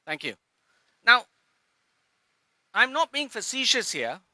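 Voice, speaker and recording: A Singaporean man giving an impassioned public speech at a rally, with halting pauses and restarts. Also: very high voice, big pitch swings, bright, forceful tone, no echo.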